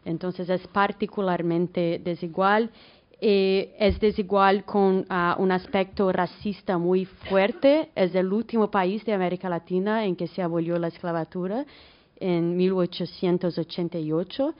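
A woman from Brazil with a Brazilian Portuguese accent, giving a conference talk in a halting mix of Spanish and Portuguese. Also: fairly low pitch, steady tone, muffled recording. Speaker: academic speaker, economist.

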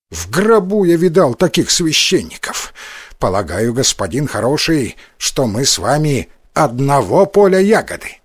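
A man voicing a greedy, boisterous male bandit in a told tale, loud and mocking. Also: on the high side, no echo, clean studio sound, voice pushed up.

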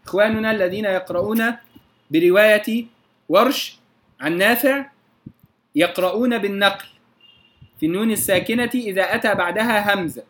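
Male tajweed teacher, high-pitched, explains the rules and demonstrates them with slow recited examples. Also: a bit bright. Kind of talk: tajweed lesson.

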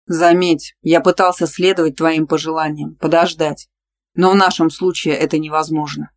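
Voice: medium pitch, steady tone, moderate pace, lightly acted. A reader doing a brash, possessive young teacher. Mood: insistent. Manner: blunt, demanding, teasing. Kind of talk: audiobook dialogue reading.

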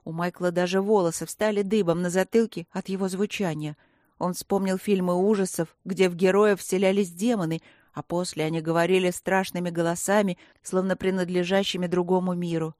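Woman reading a fantasy audiobook, lowish voice, dry close mic. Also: fairly even intonation, brisk, darkish tone, no room sound. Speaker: narrator. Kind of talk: scripted narration of a fantasy story.

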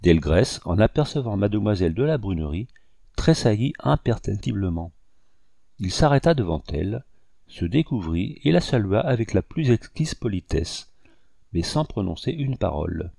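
A man narrating an audiobook in a measured, steady reading style. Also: fairly low pitch, gravelly, dry recording. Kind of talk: scripted narration.

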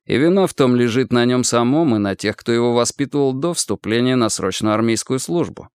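Reader as a measured, formal soldier, near his own voice, dry sound. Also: mid-range voice, expressive, a little mellow, clear, resonant tone, dry recording, close to an everyday voice. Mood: stern. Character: calm principled young male soldier.

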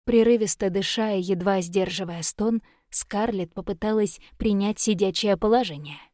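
A woman reading a fantasy novel aloud, steady and measured in her delivery. Her voice sits mid-range and sounds close and dry, with no room around it. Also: mid-range voice, no echo. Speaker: audiobook narrator. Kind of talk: scripted narration.

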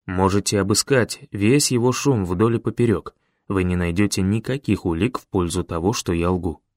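A man playing a weary, gentle father. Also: sits low, moderate pace, no room sound, studio quality, pitched below the performer's own voice, close to an everyday voice. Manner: quiet, earnest.

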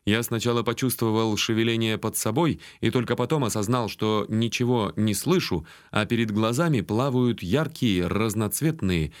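A man reading a first-person adventure audiobook in a steady, even storytelling manner. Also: fairly low pitch, no room sound, studio quality. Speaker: audiobook narrator. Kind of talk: first-person fiction narration.

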